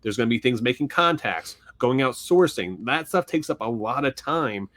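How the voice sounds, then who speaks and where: A man with a Philadelphia accent co-hosting a relaxed podcast chat. His voice sits at an ordinary middle pitch. He rambles, restarts his sentences and laughs along as he talks. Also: normal speed. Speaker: podcast co-host. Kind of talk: casual chat.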